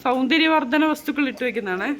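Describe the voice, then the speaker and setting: A woman's voice: high-pitched, expressive, fast talker, fairly bright tone, echoey room, a little hiss or hum. Chatty woman vlogging at home. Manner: chatty, addresses viewers with frequent "kettō". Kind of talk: casual home vlog narration.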